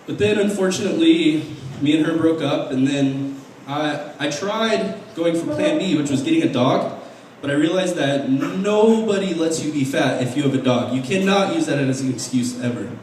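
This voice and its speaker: A man's voice: on the high side, slight background noise. Young man doing stand-up in an echoey room. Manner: deadpan, halting with restarts and fillers. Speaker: stand-up comedian. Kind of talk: open mic stand-up set. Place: open mic venue. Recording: very echoey room heard from a distance.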